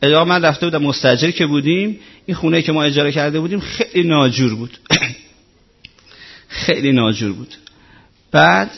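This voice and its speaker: A man's voice: on the high side, creaky, breathy edge. A middle-aged male cleric giving a conversational religious talk, repeating himself and asking rhetorical questions. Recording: muffled lo-fi recording.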